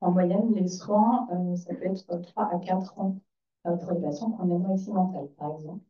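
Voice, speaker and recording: Hoarse, raspy whispery woman presenting. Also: on the low side, steady tone, moderate pace. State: hoarse, voice nearly lost. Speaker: child psychiatrist presenting at a conference. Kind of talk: conference presentation. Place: conference room. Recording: echoey, distant, dull hall microphone.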